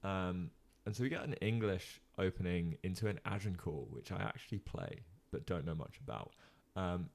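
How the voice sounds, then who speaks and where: A young man giving casual live-stream chess commentary, chatting with viewers and filling pauses with ums and uhs. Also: low voice, lively intonation. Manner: chatty, many ums and uhs, reads chat.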